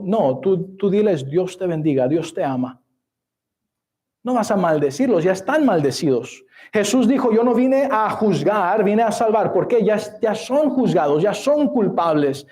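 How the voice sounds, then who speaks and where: High-voiced, mellow-toned male preacher. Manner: preaching with rising emphasis, quoting scripture in older formal Spanish. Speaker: pastor. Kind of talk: sermon. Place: church sanctuary.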